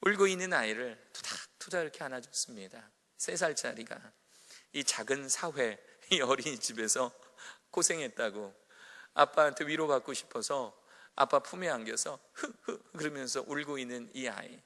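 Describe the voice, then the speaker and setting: Bright-voiced pastor preaching in an echoing hall. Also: male voice, medium pitch, animated, normal speed. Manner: storytelling, swinging from loud emphasis to hushed, near-whispered prayer. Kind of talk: sermon. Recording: echoey hall reverb.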